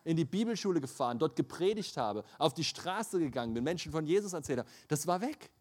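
A middle-aged male preacher with a slightly raised pitch delivers a lively sermon. He tells personal stories and acts out what people said. He laughs often as he preaches. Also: a little fast. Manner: animated storytelling, laughs often, acts out quotes.

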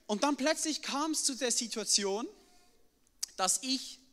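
A man's voice: very high-pitched, measured pace. Young guy telling a story on stage, keeps asking "right?", big echoey hall. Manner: animated, tags sentences with a questioning "oder?". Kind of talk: live personal storytelling to an audience. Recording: reverberant hall.

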